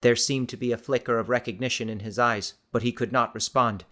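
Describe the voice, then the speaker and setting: A man with a medium-pitched voice narrates a suspenseful story for an audiobook. His scripted reading stays steady and measured from start to finish.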